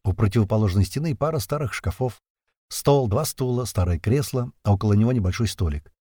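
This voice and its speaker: A man narrating an audiobook in a steady, tense, vivid storytelling manner. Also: on the low side, fairly quick, dry recording, studio quality.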